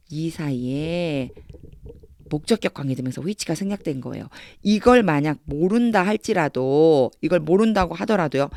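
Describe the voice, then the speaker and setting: A woman teaches English reading from Bible verses, patiently breaking each sentence down and answering her own rhetorical questions. She reads the English phrases slowly, word by word, then explains them. She speaks close to the mic in a dry room with no echo. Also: sits low.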